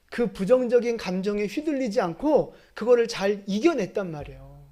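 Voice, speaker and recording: A woman pastor preaches to her congregation. Her pitch rises and falls in a lively way, and she often puts questions to the listeners. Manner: lively, talks to the congregation with questions and acted quotes. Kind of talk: sermon. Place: church sanctuary.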